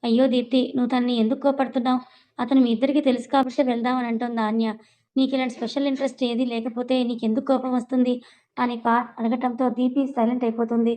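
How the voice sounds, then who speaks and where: A woman's voice: on the high side, flat delivery, fast talker, dark tone, low-quality recording. A woman reading a serialized story aloud, voicing every character's lines in her own voice.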